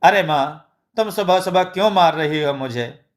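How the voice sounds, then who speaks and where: A man voicing a half-deaf, boastful young village man who mishears and rambles loudly. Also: fairly high pitch, normal speed, lightly acted.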